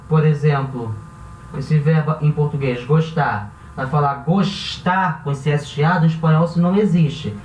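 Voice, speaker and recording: A man teaching a language class who talks patiently and repeats each word slowly, often checking in with his students. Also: high-pitched, far from the mic. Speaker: Spanish teacher. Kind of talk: classroom lesson. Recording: roomy, dull sound from off mic with faint hiss.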